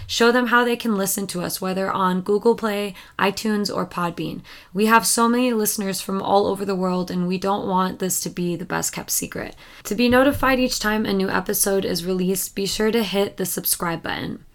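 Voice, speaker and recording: A woman hosting a podcast, reading promos and sponsor thanks briskly and then asking her guest gentle, probing questions. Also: medium pitch. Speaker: podcast host. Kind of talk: podcast intro and interview.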